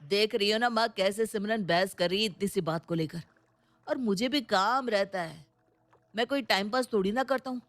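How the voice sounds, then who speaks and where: A woman's voice: medium pitch, normal speed, natural voice. A woman voicing a busy young husband who defends himself in an exasperated, complaining way in an audio storybook.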